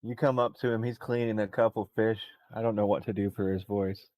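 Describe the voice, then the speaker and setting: A man's voice: fairly low pitch, brisk, no echo, dull audio. Brief: casual male game master, easygoing narration, dry recording. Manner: relaxed, joking.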